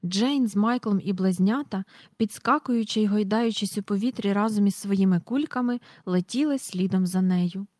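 Woman storybook narrator, even delivery, dry close-miked sound. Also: medium pitch, normal speed, no echo. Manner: even, clear reading, reads out page numbers. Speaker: audiobook reader.

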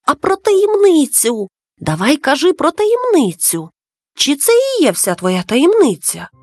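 Storybook: woman doing a curious young male dove, high, wide-ranging, eager questions. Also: very animated, measured pace, no echo. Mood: eager, wondering.

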